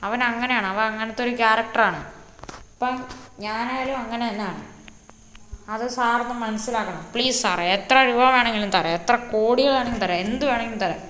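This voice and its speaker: A wealthy middle-aged father from a game web series pleads in a weepy voice, voiced by a woman. The pitch sits high. There is echo and a faint hiss. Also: fairly quick, fairly bright tone, close to an everyday voice. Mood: pleading.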